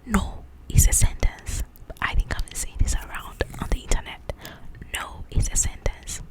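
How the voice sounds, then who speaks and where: At a moderate pace, the host of an ASMR book channel shares book highlights in a breathy, intimate whisper. She chats casually, as if confiding in the listener, and checks they're following.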